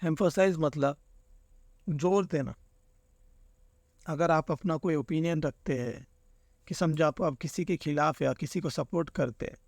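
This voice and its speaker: A man's voice: a little high, unhurried, creaky, long pauses, darkish tone, dry recording, studio quality. A man teaching an exam-prep lesson, walking through answer options and explaining each with everyday examples. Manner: explains with everyday examples, keeps saying "theek hai".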